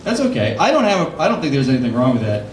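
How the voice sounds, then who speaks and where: A man's voice: mid-range voice, sing-song, rapid-fire, slight background noise. A man doing loose, rambling stand-up comedy and crowd work at an open mic, laughing at his own asides. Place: comedy club stage. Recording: roomy club sound.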